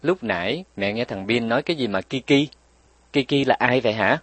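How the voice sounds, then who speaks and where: A man voicing a tender but firm mother who explains patiently and scolds gently, in a raised voice. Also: medium pitch, brisk, no echo, close to an everyday voice. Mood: stern.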